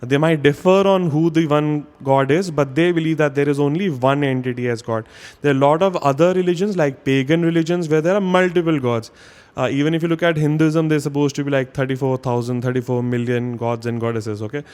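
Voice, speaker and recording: A man's voice: a little high, steady tone, brisk, a little mellow, clean tone. Man teaching a spoken vocabulary lesson. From India. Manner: explains step by step, often checks in with "okay?".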